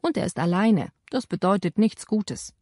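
A woman's voice: mid-range voice, animated, normal speed, dark tone, dry recording, studio quality, natural voice. A woman voicing uneasy Roman gate guards questioning a wounded rider, in an audiobook. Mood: wary.

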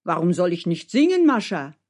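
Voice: very animated, moderate pace. A storyteller voicing a boisterous, hot-headed male coachman who bellows and boasts, in a storybook reading. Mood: swaggering. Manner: loud and boastful, rising high in outbursts.

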